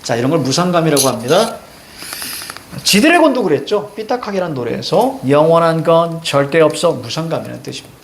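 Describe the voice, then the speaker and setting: A male teacher leads a classroom lesson with a lively, swooping delivery. His voice sits a little high for a man. He keeps stopping to quiz his students and check they follow. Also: brisk, slight background noise. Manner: animated, questioning students, drawing on a board. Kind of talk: classroom lecture.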